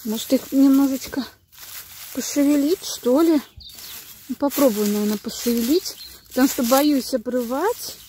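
A woman casually vlogging outdoors from her garden and chicken yard, unhurried and searching for words, cooing fondly at her hens. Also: high voice, mellow, a little hiss or hum. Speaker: village vlogger. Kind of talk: casual walk-and-talk vlog.

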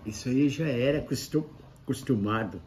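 A very old man in his eighties with a Brazilian accent, chatting casually in halting, repetitive, plain words as he recalls his life. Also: medium pitch, darkish tone. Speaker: grandfather sharing life lessons. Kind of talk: casual reminiscing chat. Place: indoor kitchen-like room, seated at a table. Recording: clearly noisy room ambience.

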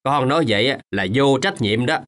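A man's voice: medium pitch, lively intonation, brisk, natural voice. A man playing a remorseful old grandfather. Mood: stern. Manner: gentle, then firm and scolding. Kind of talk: radio drama acting.

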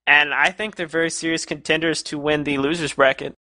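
An excitable young man wrapping up a live esports cast, his voice bright and sharp, a bit higher than most men's. He jokes and teases his co-casters, and the sound is dry and close. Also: brisk, dry recording. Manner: excitable, joking banter. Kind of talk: live esports commentary wrap-up.

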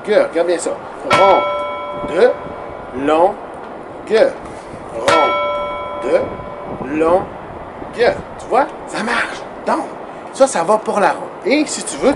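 A man's voice: sits high, background noise. A man teaching a children's music lesson outdoors, counting beats aloud as he bounces a ball.

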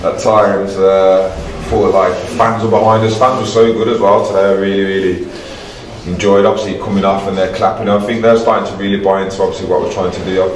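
A middle-aged man gives a post-match interview as a football manager, his voice low, flat and fairly quick. He talks casually, repeats his phrases and calls the listener "mate." The distant mic picks up a roomy indoor stadium corridor with bare block walls and crowd chatter behind him.

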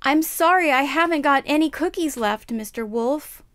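A woman voicing a kind, timid little girl in a children's puppet show, sweet and deliberate. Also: high-pitched, a bit bright, dry recording, clean studio sound. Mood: relieved, polite.

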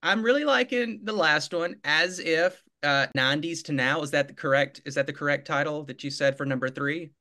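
A man's voice: a little high, a little fast, few pauses, sharp tone. A man playing a podcast guessing game, hesitant and repeating words while he thinks. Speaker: game contestant. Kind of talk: casual podcast chat.

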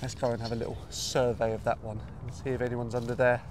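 A man's voice: medium pitch, level tone, fast. A British man in his thirties chatting casually to camera as he vlogs about wildlife outdoors. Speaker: wildlife vlogger. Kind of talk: casual vlog chat to camera while out walking. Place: outdoors on heathland and in open woodland. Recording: outdoor background noise, birdsong and ambience.

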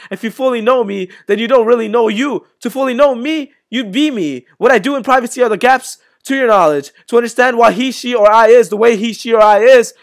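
A young man with a fairly high voice performs spoken word poetry. His delivery is intense and rhythmic. He is recorded through an earphone mic on a webcam in a small bedroom. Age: young adult.

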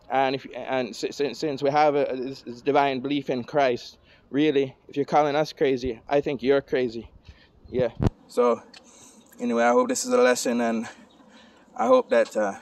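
A man's voice: mid-range voice, level tone, normal speed. A young man talking in Rasta speech to camera, reasoning informally with insistent, preacher-like repetition. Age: young adult. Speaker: vlogger. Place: outdoors under open sky and trees. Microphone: phone held at arm's length. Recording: distant phone recording with outdoor noise.

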